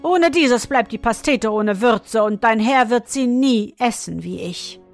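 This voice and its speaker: A woman's voice: on the high side, measured pace, faint music behind. A woman voicing a mocking, mysterious male guest who looks down on the cook, in a storybook reading. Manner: sneering, superior.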